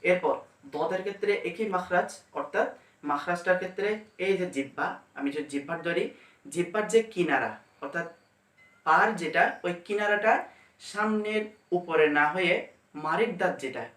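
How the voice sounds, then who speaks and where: A man's voice: sits high, a bit bright, far from the mic. Man teaching letter sounds in an echoey room. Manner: instructive, drawing out each letter slowly with demonstrations. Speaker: Quran teacher. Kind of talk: step-by-step pronunciation lesson. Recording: echoey room, mic set back.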